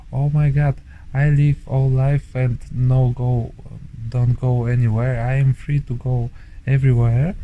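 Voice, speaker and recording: Casual bulgarian guy in an interview, lots of uhs, speaks slowly, warm low voice. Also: a little hiss or hum. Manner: hesitant, frequent pauses and fillers. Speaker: interview guest.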